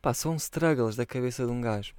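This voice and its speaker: A man's voice: mid-range voice, fairly quick, a little mellow, clear, resonant tone, no room sound. A young man chatting casually on a solo podcast, rambling in loose slang and swearing freely. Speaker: podcast host.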